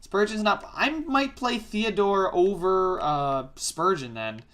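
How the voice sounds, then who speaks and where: A man giving casual let's-play commentary, rambling and exasperated, often correcting himself as he talks fast. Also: high-pitched, animated, fairly bright tone. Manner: fast-talking. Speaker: gaming YouTuber.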